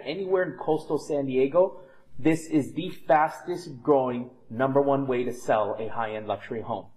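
An upbeat man in his thirties delivers a persuasive, scripted real estate sales pitch straight to the camera. His voice sits at an everyday middle pitch. He was recorded indoors from a moderate distance. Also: a little mellow. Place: bright home interior, indoors.

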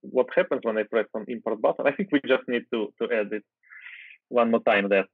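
This Ukrainian man, a guest software developer, speaks briskly in a mid-range voice during a casual screen-share coding chat. Relaxed, he thinks aloud with fillers and restarts over a tinny video call with no echo.

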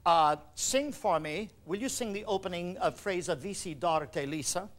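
A man leading a choral workshop, coaching singers with quick commands and questions. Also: high-pitched, faint music behind. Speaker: choral conductor teaching a workshop. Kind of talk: instructional workshop talk.

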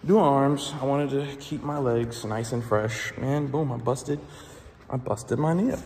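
In an echoey, large indoor gym, a twenty-something man records a casual vlog on a phone held low at arm's length. His voice is mid-range, unhurried, and a little mellow as he rambles and curses in frustration. A little hiss or hum is audible.

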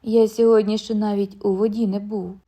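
A woman voicing a stubborn husband eager for one last swim, who later shouts in alarm. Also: mid-range voice, little pitch movement, normal speed, natural voice. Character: man on a beach, stubborn, restless to swim.

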